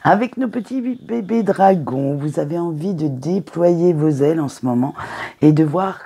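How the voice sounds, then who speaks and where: A woman giving a weekly oracle card reading to her viewers, talking in a gentle, encouraging way with hesitant fillers. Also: sits low, expressive, normal speed, gravelly, slightly rough. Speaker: tarot card reader.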